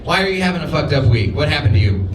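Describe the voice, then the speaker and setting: A man with a high, animated voice hosts a live comedy game show. He hypes the crowd excitably and swears freely. The sound is echoey, with audience noise around him. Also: fast, far from the mic. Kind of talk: live stand-up hosting, crowd work. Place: comedy venue stage before a live audience. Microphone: stage microphone.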